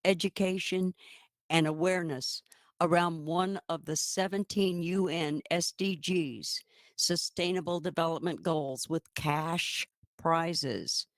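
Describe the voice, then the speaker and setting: Woman, co-host, lower voice, dry sound, cheerful, measured. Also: fairly even intonation, no room sound. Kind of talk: live-stream news reading.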